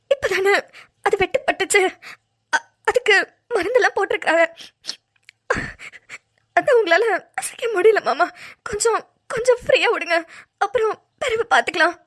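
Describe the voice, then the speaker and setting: A woman voicing a young village wife in a Tamil cartoon, tearful and halting as she hides her husband's injury. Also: extremely high pitch, fairly bright tone, full character voice. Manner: tearful, halting, crying through her words.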